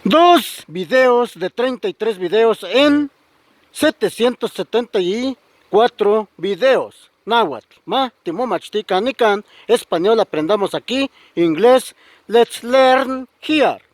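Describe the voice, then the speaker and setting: A man teaching English pronunciation in a slow lesson, repeating each word deliberately. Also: high voice, expressive, dry recording. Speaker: language teacher.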